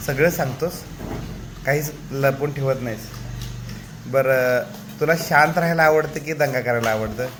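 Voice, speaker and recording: A man with a Marathi accent, a teacher gently teasing and coaxing a young pupil with questions in a classroom interview. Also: mid-range voice, normal speed, pauses often, noisy background.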